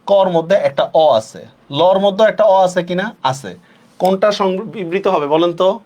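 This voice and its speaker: A man teaching a class, who slows down to stress each rule and keeps asking his students whether they follow. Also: high-pitched, a little mellow. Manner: asks students frequent check-questions; stretches words slowly when stressing rules. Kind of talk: online class lecture.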